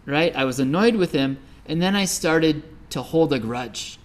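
A man's voice: on the high side, lively intonation, moderate pace. A middle-aged Midwestern man giving a Buddhist dharma talk as a teacher, telling stories conversationally with many fillers. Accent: Midwestern American.

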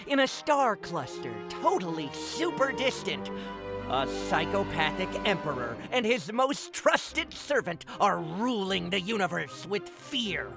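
A woman's voice: medium pitch, sing-song, a little slow, creaky, over music. A woman voicing a nerdy young boy who tells stories in an earnest, defensive way. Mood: storytelling.

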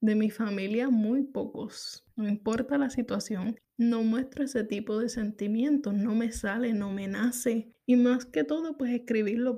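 A Puerto Rican woman in her thirties talks candidly to her podcast listeners, thinking out loud and repeating herself as she goes. Her voice sits a little high but has a dark, mellow tone with a gravelly edge. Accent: Puerto Rican Spanish. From Puerto Rico. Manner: candid, reflective, repeats phrases. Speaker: podcast host. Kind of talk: personal monologue.

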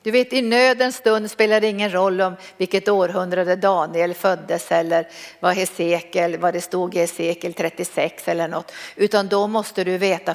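A middle-aged woman preaching a sermon and teaching a Bible lesson, fervent and storytelling, moving between loud exclamations and soft emphasis. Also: fairly low pitch. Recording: reverberant hall.

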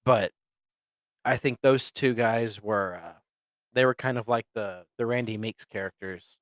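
A man's voice: mid-range voice, a little slow, dry recording. A man co-hosting a podcast, talking casually and rambling a bit. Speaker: podcast co-host. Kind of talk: casual chat.

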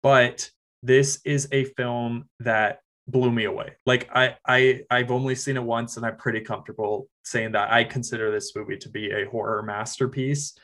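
A man co-hosting a podcast as a film critic, earnestly enthusiastic and halting with fillers. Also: medium pitch, steady tone, fairly bright tone. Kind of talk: casual film review chat.

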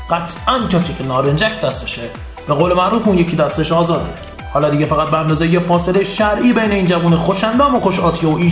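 An excitable sports commentator, played by a man calls the action with drawn-out words and pumped-up pitch. The voice rings in an echoey room with faint music under it. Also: lightly acted. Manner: stretches words, rousing play-by-play.

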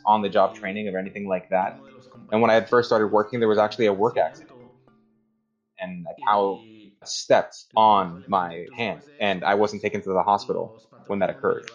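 A man interpreting as a translation voice-over, speaking another person's account in the first person with halting, deliberate phrasing, on a dull online call recording. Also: on the low side.

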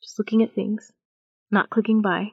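A woman talks in a playful, joking way on her own podcast, throwing in animated asides. Her voice sits at a middle pitch, and the sound is dry and a bit dull and lo-fi. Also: normal speed, gravelly, slightly rough, dry recording. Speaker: podcast host. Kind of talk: casual chat.

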